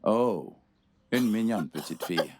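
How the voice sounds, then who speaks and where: A man's voice: on the low side, animated, measured pace, a little mellow. An actor dubbing a wealthy man who speaks soothingly and chuckles as he offers money. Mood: coaxing. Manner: soothing and smooth-talking, chuckles between phrases. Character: wealthy older man, generous on the surface. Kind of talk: French dub of a film.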